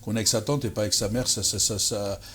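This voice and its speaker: A male host with a lowish voice talks rapidly in a casual interview. He is chatty and often repeats words as he goes. Faint music sits behind him. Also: fairly even intonation, a bit bright. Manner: chatty, quick, repeats himself. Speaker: show host.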